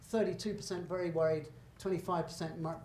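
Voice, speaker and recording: Speaking fairly quickly with fairly even intonation, a middle-aged British man with a darkish, high-side voice gives a public lecture with slides as a guest lecturer. His style is conversational and emphatic, with asides and self-corrections, in an echoey hall with faint room noise.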